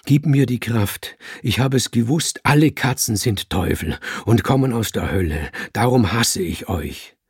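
A man voicing a terrified, pious older man who hates cats and screams prayers for help in a high, strained voice. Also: expressive, measured pace, hardly any pauses, breathy edge, dry recording, studio quality, full character voice. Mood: grim.

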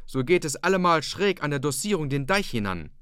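Male narrator doing a persistent young farmhand, earnest and deliberate, lively pitch. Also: clear, resonant tone, no echo, clean studio sound. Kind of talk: audiobook reading.

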